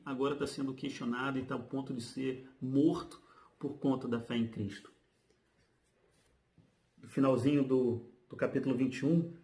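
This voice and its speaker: A man preaching a sermon, reading Bible passages aloud and then explaining them in relaxed, everyday speech. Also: mid-range voice. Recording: roomy, echoey.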